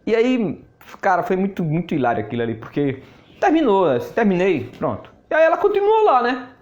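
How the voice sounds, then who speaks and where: A man's voice: high-pitched, wildly swooping pitch, fairly quick, darkish tone, dull audio. A man, a network marketing mentor telling a story in a casual, chatty way, often laughing and repeating words. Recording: echoey room.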